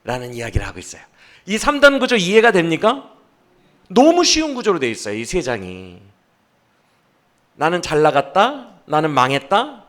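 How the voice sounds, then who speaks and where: Man preaching a sermon in church, high voice, acts out the lines, quizzes the people. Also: normal speed, pauses often. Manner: animated, asks the congregation questions and acts out the speaker's complaints. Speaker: pastor. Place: church service.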